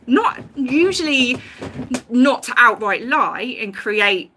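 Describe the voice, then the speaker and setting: Slow and sing-song, this woman's voice sits a little high and sounds pushed, bright, and husky. She's a YouTube host on a casual livestream, using a home streaming mic as she rambles through her opinions, restarting often, saying um a lot, and noticing when she drifts off topic.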